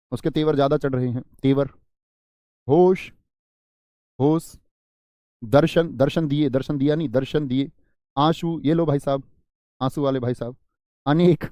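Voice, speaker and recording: A man teaches a Hindi grammar class online in a mid-range voice with a darkish tone, recorded dry and clean in a studio. He speaks straight to his students as friends, stressing and stretching single words to drive points home and adding preachy asides.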